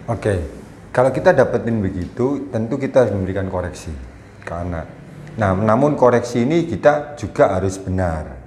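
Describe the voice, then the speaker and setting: A man's voice: fairly low pitch, lively intonation, normal speed. A middle-aged man explaining parenting in earnest, conversational talk, now and then acting out an angry scolding parent. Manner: earnest and explanatory, acts out scolding parents with sudden loud bursts. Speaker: guest speaker on parenting. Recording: echoey room with faint noise.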